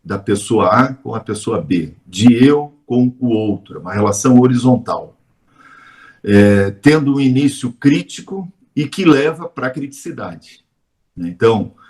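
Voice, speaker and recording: A middle-aged Brazilian man, a teacher, giving a measured, explanatory lecture in a live webinar, often adding tag questions. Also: mid-range voice, animated, a little mellow. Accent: Brazilian Portuguese.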